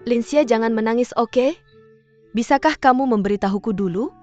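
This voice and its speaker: A woman's voice: on the high side, moderate pace, darkish tone, natural voice. A woman dubbing a worried young woman who keeps pressing her close friend with questions. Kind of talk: drama dub. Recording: dull dry studio dub, faint music.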